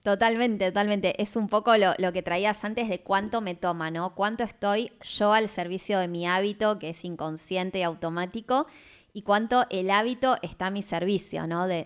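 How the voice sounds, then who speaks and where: A woman's voice: mid-range voice, fairly even intonation, normal speed, clean tone. A woman radio host who talks in a thoughtful, explanatory way and often ends her points with a questioning tag. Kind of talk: reflective conversation.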